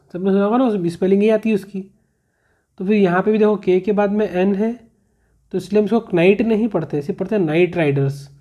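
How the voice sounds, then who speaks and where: The speaker is a male teacher explaining grammar rules to a class, restating each rule and quizzing students as he goes. His voice is high-pitched yet dark in tone, and the audio sounds muffled and a bit lo-fi.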